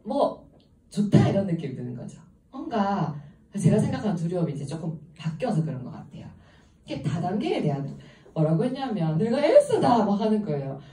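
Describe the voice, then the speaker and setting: A woman's voice: lowish voice, big pitch swings, a little fast, dark tone. A woman with a Gyeongsang accent giving an informal seminar talk, chatty and laughing often as she tells stories. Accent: Gyeongsang Korean. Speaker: seminar speaker. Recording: echoey room, voice from a distance.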